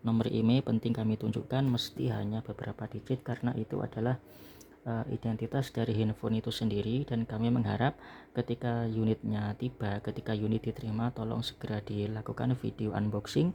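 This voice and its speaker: In a small room indoors, an Indonesian man gives a casual, explanatory walkthrough of packing and reviewing a product he sells online, repeatedly finishing phrases with the confirming word "ya." His lowish voice sounds gravelly yet warm, delivered flatly and at a brisk clip. The recording carries slight background noise.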